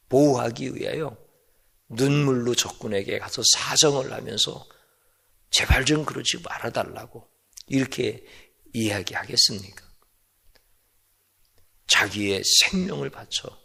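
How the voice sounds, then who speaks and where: A male pastor preaching at a slow, deliberate pace, with frequent rhetorical questions. His voice is gravelly and husky, with a bright, forceful edge. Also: on the low side. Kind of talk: sermon.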